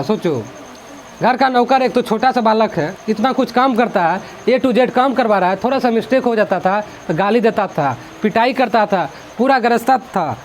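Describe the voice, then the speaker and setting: Guy teaching a hindi chapter, chatty and keeps repeating, really high voice. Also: a little hiss or hum. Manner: chatty, repetitive, mixes in English words. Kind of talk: explaining a school literature chapter.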